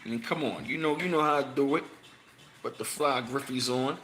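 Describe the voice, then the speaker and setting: A man in his thirties hosting a casual livestream, chatting with viewers in slangy talk and reading passages aloud, his voice jumping high whenever he gets emphatic. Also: normal speed, reverberant, a little hiss or hum. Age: 30s. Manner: excitable, voice jumps high when emphatic, slangy. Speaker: channel host.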